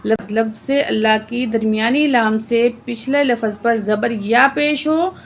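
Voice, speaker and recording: A woman with a high voice teaches a slow Quran recitation lesson word by word. She explains each rule plainly and often checks that her students follow. Her verse recitation is stretched out and unhurried. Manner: explains rules plainly, then recites verses slowly and drawn out; often adds "theek hai" to check understanding.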